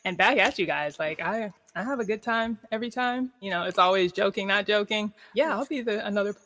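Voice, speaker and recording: A podcast host asking questions in a relaxed, self-deprecating way with halting restarts. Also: male voice, sits high, big-room sound. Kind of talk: casual podcast conversation.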